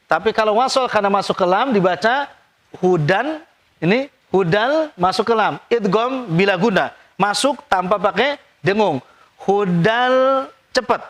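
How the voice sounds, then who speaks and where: High-voiced teacher. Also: male voice, fairly bright tone. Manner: slow drawn-out recitation between quick explanations. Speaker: Quran recitation teacher. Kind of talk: tajwid lesson with recited examples.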